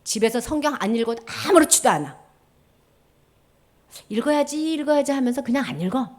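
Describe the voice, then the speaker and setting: Woman children's preacher, high and very lively voice, acts out every character in the Bible story. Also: fast talker. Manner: animated, acts out characters and sound effects.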